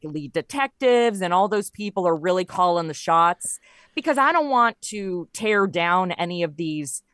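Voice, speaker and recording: In clean studio audio with no room sound, a woman with a lowish, slightly bright voice talks casually as an interview guest. An audio drama writer and producer, she describes her creative work in a chatty, storytelling way.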